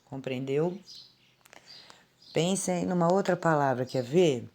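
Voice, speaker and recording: Slow, patient Brazilian woman teacher. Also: deep voice, darkish tone. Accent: Brazilian Portuguese. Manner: slow, patient and explanatory, calling out words aloud. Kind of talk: remote grammar lesson for children. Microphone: phone.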